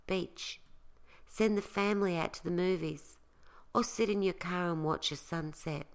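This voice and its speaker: A woman reads a scripted guided relaxation exercise in a low voice with a slight creak at the edges. She speaks very slowly and calmly, leaving pauses so each instruction has room.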